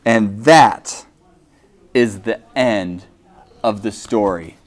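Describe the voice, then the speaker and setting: A man's voice: on the low side, drawn-out words. A man hosting a children's reading show, reading a picture book aloud expressively and asking the children questions.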